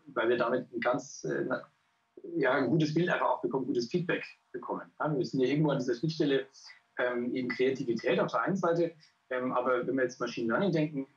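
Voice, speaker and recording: A young adult man who is a computer scientist, explaining his work in a chatty way on a video call. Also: mid-range voice. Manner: chatty, often adds tag questions. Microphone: earphones with a mic on a video call. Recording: dull lo-fi call audio.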